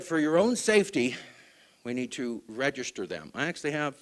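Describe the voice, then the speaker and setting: A man from Utah giving a public talk to an audience, asking them questions and swinging between loud stresses and hushed asides. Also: medium pitch. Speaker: speaker at a group meeting.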